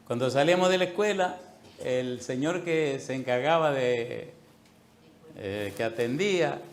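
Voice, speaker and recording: A male pastor preaching a sermon, telling an animated story and acting out the voices in it. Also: mid-range voice, slight background noise. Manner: animated, acts out voices in anecdotes. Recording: echoey room.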